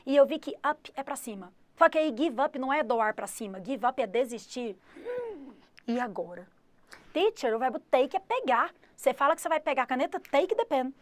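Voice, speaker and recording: A Brazilian woman teaching an exam-prep English lesson, lively and switching between English examples and Portuguese explanations. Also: high voice, dry recording.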